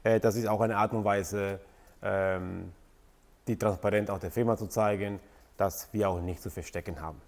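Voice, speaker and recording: A man's voice: on the low side, steady tone, moderate pace, a little mellow, in a large hall. A man in his forties from Argentina, speaking, answers viewer questions about his company with lots of fillers and restarts. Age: 40s. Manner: hesitant, many fillers and restarts. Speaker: company founder and channel host. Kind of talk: casual Q&A to camera.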